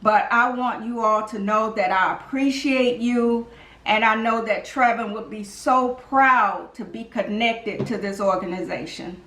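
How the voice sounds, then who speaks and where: A woman's voice: a little high, a little slow, fairly bright tone. A woman speaking earnestly and emotionally on a video call, often repeating herself as she gives thanks. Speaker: donor mother and speaker. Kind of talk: heartfelt testimony on a video call. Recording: echoey room.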